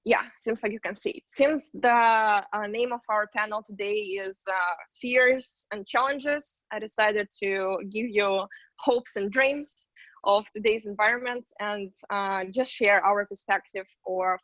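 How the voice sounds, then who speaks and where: Her voice is mid-range, steady and a bit bright, and she speaks a little slowly. She's a woman from Ukraine presenting as an investment banker in an online talk, chatty and upbeat with many fillers, recorded through a computer mic on a video call with dull, dry audio and no room sound.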